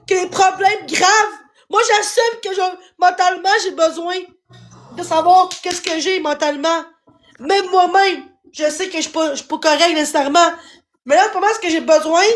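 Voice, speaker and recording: A woman with a Québécois accent, hoarse and worn out, venting on a live stream in an agitated, pleading way that keeps repeating itself. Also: very high-pitched. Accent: Québécois French. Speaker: livestreamer.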